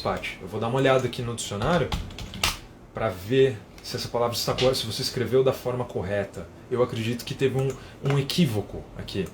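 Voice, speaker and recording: Over a live stream recorded on a phone, a man with a mid-range voice teaches English, explaining patiently and reading viewer comments aloud as he goes. Some background noise is audible.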